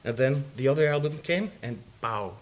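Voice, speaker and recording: Guy on a seminar panel, medium voice, thinking out loud. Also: medium pitch, animated, moderate pace. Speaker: musician, panel guest.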